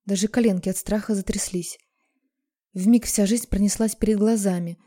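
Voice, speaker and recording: A woman narrates a first-person story in a warm, mellow voice at a middling pitch. Her reading is expressive, and she sometimes drops into a near whisper for the quieter moments. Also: moderate pace. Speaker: audiobook narrator.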